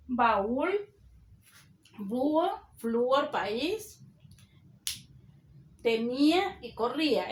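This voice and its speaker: A woman teacher giving a recorded spelling lesson, dictating rules slowly and deliberately. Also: fairly high pitch, reverberant, slight background noise.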